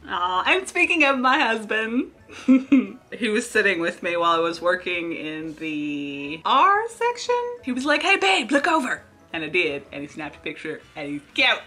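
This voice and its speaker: A woman's voice: lowish voice, pushed and bright. A woman book vlogger in a casual chatty vlog, rambling with self-deprecating asides.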